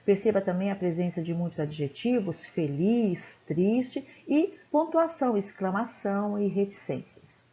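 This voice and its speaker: A woman's voice: mid-range voice, lively intonation, unhurried, hardly any pauses, mellow. A woman teacher, giving a classroom lecture and checking in often with her listeners. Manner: explanatory, checks in with "tá?" and "né?". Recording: dull, lo-fi recording.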